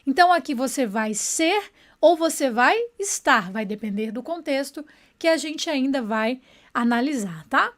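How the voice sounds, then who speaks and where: A woman teaching an online English lesson. She often checks in with her students and slows down to model each English word. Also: high-pitched, animated, a bit bright.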